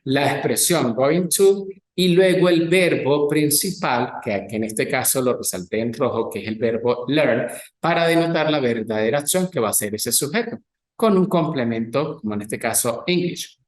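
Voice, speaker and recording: A man teaching an English lesson in Spanish, slowly repeating English words and translating them. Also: mid-range voice, lively intonation, echoey room. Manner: slow, careful pronunciation drills alternating English and Spanish. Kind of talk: recorded lecture with slides.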